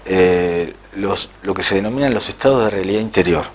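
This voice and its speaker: An interviewed author, a middle-aged man with a low-sitting voice, tells a spiritual story haltingly, peppering it with frequent "eh" fillers. There's slight background noise.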